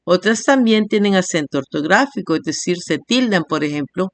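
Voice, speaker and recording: A woman teacher giving a recorded language lesson, reading definitions and slowly sounding out example words syllable by syllable. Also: on the low side, lively intonation, no echo. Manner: slow, spells words out syllable by syllable. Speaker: primary school teacher.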